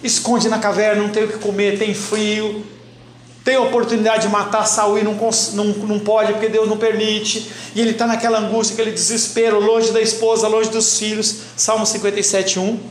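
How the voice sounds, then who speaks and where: A man with a fairly high voice teaches a Bible class as pastor, blunt and teasing. His voice rings through a roomy church hall, with a faint hiss beneath it. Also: flat delivery, a little fast. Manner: blunt, teasing, addresses listeners by name.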